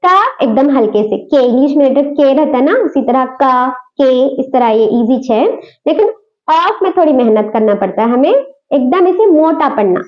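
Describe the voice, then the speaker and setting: Woman teacher, high voice; patient pronunciation lesson with many repeated sounds; muffled lo-fi audio. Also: expressive, normal speed. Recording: dull lo-fi recording.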